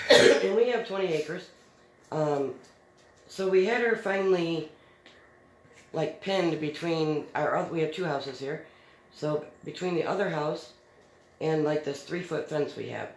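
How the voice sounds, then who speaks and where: Unhurried and low-voiced, this middle-aged woman pauses at length as she chats through a casual story in her crafts video. She laughs readily and fills her speech with fillers, over a roomy echo and faint background noise.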